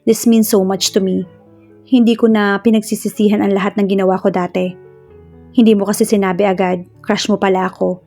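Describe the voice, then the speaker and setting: A woman reading a romance story in first person, in a steady storytelling manner. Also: medium pitch, brisk, soft background music. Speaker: story narrator. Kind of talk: scripted narration of a romance story.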